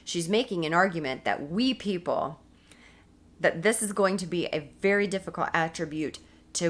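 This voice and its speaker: A woman's voice: sits low, fairly bright tone. An American woman teaching a women's Bible study lesson in an earnest tone, often repeating phrases for emphasis.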